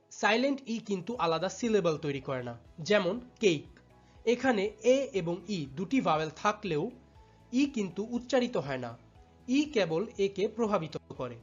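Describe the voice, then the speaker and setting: A teacher giving a step-by-step lesson, patiently repeating words and drawing them out slowly syllable by syllable. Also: medium pitch. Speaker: English teacher. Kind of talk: step-by-step tutorial explanation. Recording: slightly dull audio with faint background music.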